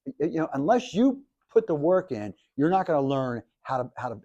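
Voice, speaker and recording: A man in his seventies, a professor giving a lively, jokey classroom lecture to students, with many restarts. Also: on the high side. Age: 70s. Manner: animated, jokey, talks to the audience, restarts often. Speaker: professor and speaker.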